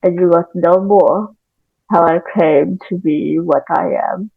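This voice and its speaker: A brooding young vampire, weary and bitter, voiced by a woman reading a storybook. The delivery stays quiet and flat, slow and a little gravelly. It sounds tinny, like a phone line, in a dry room. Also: fairly low pitch, no echo, heavily acted. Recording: tinny phone-like home recording.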